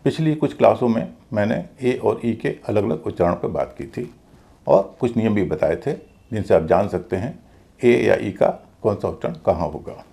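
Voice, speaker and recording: A man's voice: lowish voice, expressive, normal speed, gravelly, dark tone. A man teaching English pronunciation in a video class, explaining rules step by step and repeating them with examples.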